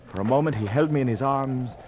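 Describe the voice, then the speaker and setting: A man with a brisk, mid-range, slightly mellow voice, its highs cut off and only lightly acted, plays a sailor haunted by guilt over his ill-fated voyage. The style is fervent, theatrical 1940s radio drama with verse-like narration and anguished declamation, haunted and awed in mood, preserved on a noisy old radio recording.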